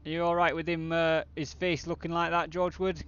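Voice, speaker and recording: A man's voice: fairly high pitch, little pitch movement, a little fast, fairly bright tone, smooth, lo-fi sound. A British man doing casual, blokey, sweary game commentary as a streamer chatting with viewers. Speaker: gaming streamer.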